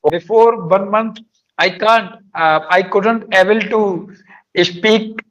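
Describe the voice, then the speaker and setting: A police officer from Madhya Pradesh, India, appears as a guest practicing conversational English, speaking hesitantly with an Indian accent and repeating his words. His voice sits high and a bit bright, with fairly even intonation and a slow pace. The recording is muffled, with a little hiss or hum.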